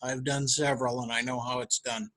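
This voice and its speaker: A man in the audience offering help over a video call, trailing off quieter. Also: medium pitch, flat delivery, a little fast. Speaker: audience member.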